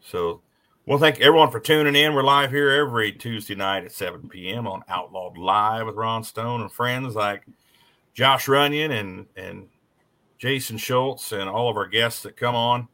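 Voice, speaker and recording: A man's voice: mid-range voice, moderate pace, pushed and bright. A man hosting a casual live show as a tractor pull announcer, talking in a folksy, conversational way.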